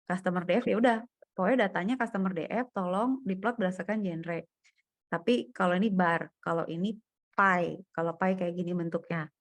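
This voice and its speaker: A woman coding tutor with a lowish voice and fairly even intonation gives a private data science lesson over screen share. She talks briskly and casually, thinking aloud as she walks through the code.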